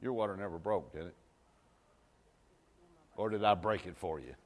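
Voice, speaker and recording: A male pastor delivering a sermon, repeating phrases and swinging between hushed and loud, sometimes joking with the congregation. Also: low-pitched, normal speed. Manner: jokes with the congregation. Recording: long hall reverb.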